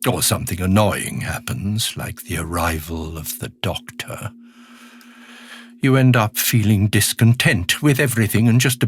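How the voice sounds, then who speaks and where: An actor playing a decaying, skeletal alien villain in an audio drama monologue, charming, sinister and self-pitying, confiding in the listener with sardonic relish. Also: male voice, fairly low pitch, a bit bright, full character voice. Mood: dark, threatening. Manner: theatrical, confiding, sardonic, drawn-out menacing phrases.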